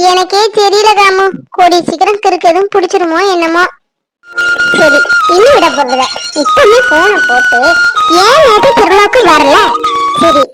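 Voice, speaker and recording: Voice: very high voice, fairly bright tone, exaggerated voice. A performer voicing a fiery, emotional young village wife in a cartoon, talking dramatically and wailing. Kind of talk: cartoon voice acting.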